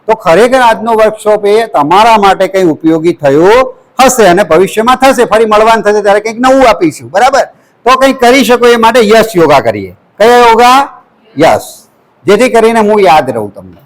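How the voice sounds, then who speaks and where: A man with a Gujarati accent leading a workshop for student teachers, lively and leading the class in chants. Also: high-pitched, low-quality recording. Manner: lively, leads call-and-response chants. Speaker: workshop instructor. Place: college lecture hall.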